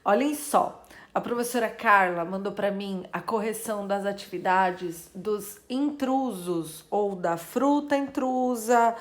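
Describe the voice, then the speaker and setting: A woman's voice: medium pitch, slow pace. A woman teacher talking casually to her students, thinking aloud and counting syllables and letters as she works through math puzzles. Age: adult. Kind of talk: casual video lesson explaining math puzzles.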